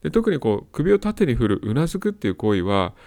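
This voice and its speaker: A man's voice: mid-range voice, big pitch swings, brisk, creaky, warm tone. A man hosting a solo advice talk, explaining step by step and repeating his key points. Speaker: host of a self-help audio talk.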